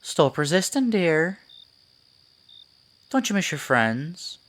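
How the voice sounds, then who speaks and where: A man playing a sinister, silky Pied Piper in an ASMR roleplay, a theatrical storyteller who coaxes and condescends with deliberate delivery. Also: fairly high pitch, very animated, a bit bright, full character voice. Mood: coaxing, menacing. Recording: night insects and forest ambience behind. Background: crickets, night forest ambience.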